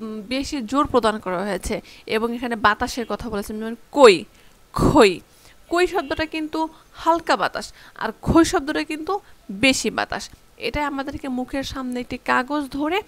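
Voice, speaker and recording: A woman's voice: high voice, fairly bright tone. A young woman from Bangladesh teaching a school lesson, explaining step by step with frequent fillers and restarts. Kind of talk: online class lesson.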